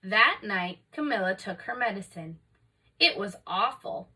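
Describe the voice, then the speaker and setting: A woman reading a children's picture book aloud in an expressive, dramatic storytelling manner. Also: mid-range voice, unhurried, slightly rough, distant mic. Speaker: storybook reader.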